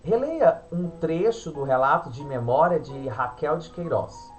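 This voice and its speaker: A woman's voice: sits low, expressive, a little slow, soft background music. A woman teacher with a Brazilian Portuguese accent, patiently walking pupils through an exercise correction in a remote class. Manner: patient, explanatory, frequent "né" tag questions.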